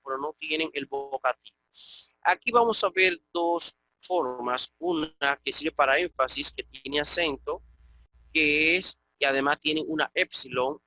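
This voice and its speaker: Bright-voiced male Greek teacher. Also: on the high side, dry recording, rough recording. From Dominican Republic. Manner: patient, explanatory, often checks with "ok?". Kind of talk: online class lecture. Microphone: computer mic on an online call.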